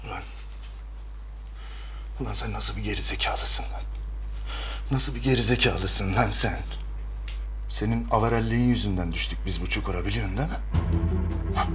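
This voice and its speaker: A man's voice: mid-range voice, close to an everyday voice. A man in his fifties playing an exasperated, hot-tempered father who scolds with repeated rhetorical questions in a TV drama. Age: 50s. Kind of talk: television drama acting. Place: furnished living room indoors. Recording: dramatic music under the voice. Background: music.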